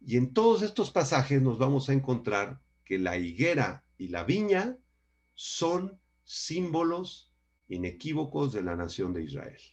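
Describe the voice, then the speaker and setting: A man's voice: mid-range voice, big pitch swings, unhurried, a little mellow. Man, pastor giving a Bible lesson, emphatic, repeats for emphasis. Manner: emphatic, repeats key words, addresses listeners as brothers. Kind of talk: Bible study teaching.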